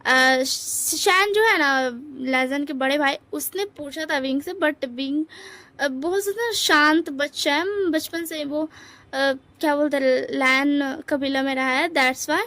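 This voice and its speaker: A woman's voice: high voice, takes it slowly, bright, forceful tone. A woman casually narrating a story, chatty with many fillers and asides.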